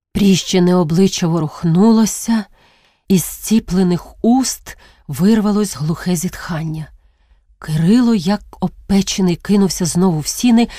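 A woman reading classic literary prose aloud as narrator, measured and expressive, with drawn-out pauses. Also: fairly low pitch, no echo, clean studio sound.

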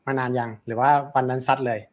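A man coaching a saxophone student in an online lesson, relaxed and patient, with many fillers. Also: medium pitch, fast. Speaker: saxophone teacher. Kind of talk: online music masterclass coaching.

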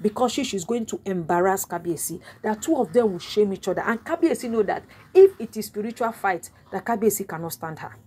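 A woman's voice: medium pitch, expressive, fairly quick, few pauses, dark tone, slightly rough. A woman with a Nigerian accent hosting her own gossip vlog, retelling what others said in an emphatic, dramatic storytelling way with repeated asides and exclamations. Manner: bursts of exclamations and sound effects. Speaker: celebrity gossip vlogger.

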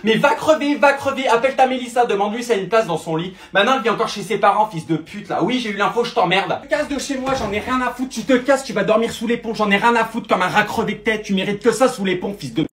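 A raging young girlfriend, put on by a man, screaming insults at a fast clip and pitched well above his own voice. Shrill and relentless, a comedy sketch character at full volume. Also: big pitch swings, echoey room, far from the mic. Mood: furious. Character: furious jealous young girlfriend.

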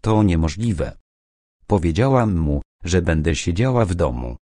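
A gentle, wistful young woman from an audiobook, read by a man in his low own voice. She speaks softly and hesitantly, at a slow pace, in a dry close sound. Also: expressive, no echo.

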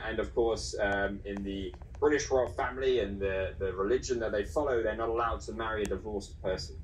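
A man's voice: on the low side, brisk. A man in his thirties presenting as an upbeat cruise TV co-host, playful and teasing in light banter. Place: filmed off a television screen in a room. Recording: distant TV playback with background noise.

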